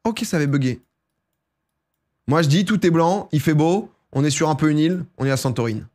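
A young man with a sore throat chatting casually and excitably on a live stream, jumping into loud, high bursts. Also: a little fast.

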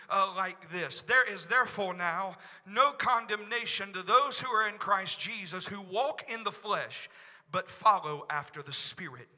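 A middle-aged male pastor with an Oklahoma accent and a high voice preaches a sermon into a handheld microphone in a big church sanctuary. He drops to a hush, then rises to shouting, with long hall reverb around him.

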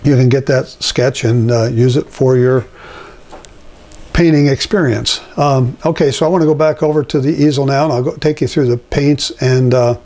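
An older man giving a relaxed, rambling painting demonstration at his easel, with many fillers, recorded on a lapel mic in a home studio. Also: mid-range voice, moderate pace. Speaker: painting instructor.

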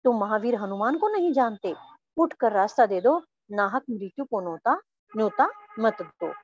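A woman voicing a proud, quick-tempered young warrior as she reads a story lesson aloud. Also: on the high side, expressive, a little mellow, slightly rough, no echo, muffled recording. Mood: proud, angry. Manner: stern, commanding reading.

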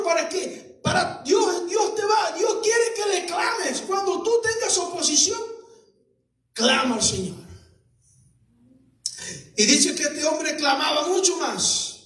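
A male pastor preaching a fervent sermon, shouting in bursts and acting out other voices. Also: very high voice, distant mic. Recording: echoey room, voice off mic.

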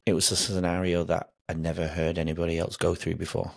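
Low, gravelly, hesitant man. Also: completely flat delivery, dry recording, clean studio sound. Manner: hesitant, halting, reflective. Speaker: hypnotherapy client. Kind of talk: guided therapy session, answering questions. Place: home office, video call. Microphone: desk microphone with headset.

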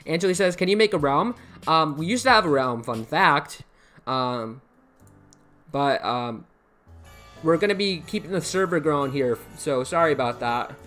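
Speaking at a normal speed with lively intonation, a young American streamer uses a slightly high, fairly bright voice. He sits at a computer in an indoor room with soft background music, casually chatting into a headset mic, rambling, repeating himself, and reading out chat messages while naming and thanking viewers.

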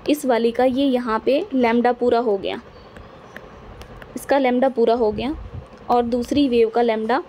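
A woman's voice: on the high side, fairly even intonation, unhurried, long pauses, dark tone, slight background noise. A woman teaching a physics lesson in style classroom talk, patiently repeating points and checking that students follow. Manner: repetitive, patient, checks understanding often. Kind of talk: classroom lecture explaining to students.

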